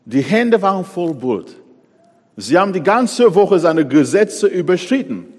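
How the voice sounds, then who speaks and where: A man preaching a sermon, pressing hard on key words, then dropping to a quiet voice. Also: sits high, sing-song, a little slow, big-room sound. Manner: emphatic, swings between loud stresses and quiet drops.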